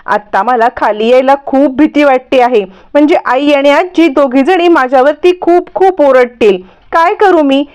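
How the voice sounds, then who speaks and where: A frightened young woman pleads anxiously in a high voice, as a woman narrator reads her part. Her lines stay close to the storyteller's own tone. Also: moderate pace, a little mellow, close to an everyday voice. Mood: scared. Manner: pleading, worried.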